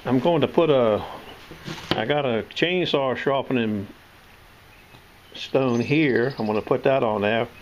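A man's voice: mid-range voice, unhurried, pauses often, highs cut off, noisy background. An older man, casually demonstrating tools in his home workshop, rambling and folksy. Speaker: knife sharpener showing his shop tools.

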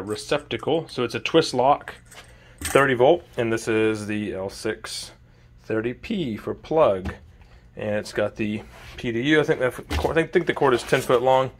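A man casually narrating a home garage build project in a loose, unscripted way, with frequent ums and uhs. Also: medium pitch. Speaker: DIY vlogger.

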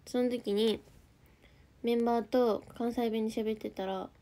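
A woman's voice: on the high side, steady tone, a little slow, dark tone. Chatty young woman with a Kansai accent. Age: young adult. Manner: chatty, reads viewer comments aloud and answers them. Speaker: idol group member streaming live. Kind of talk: casual livestream chat.

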